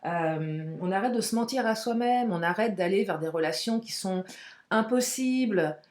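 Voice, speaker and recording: A woman giving a casual, chatty tarot card reading to her viewers, expressive and frank, with frequent exclamations. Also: mid-range voice, moderate pace, reverberant. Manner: frank and outspoken. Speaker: tarot and oracle card reader.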